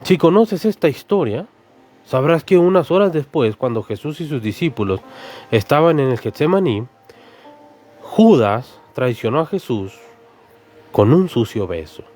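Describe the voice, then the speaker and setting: A man's voice: fairly high pitch, sing-song, measured pace, a little mellow, soft background music. A man preaching a sermon, retelling a story with vivid imagination and addressing his listeners as brothers.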